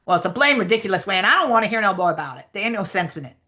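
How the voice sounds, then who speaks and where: A woman reading aloud as a stubborn grown man who argues in dialect, in a lowered, indignant voice. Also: expressive, rapid-fire, bright, forceful tone. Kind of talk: reading aloud a novel dialogue.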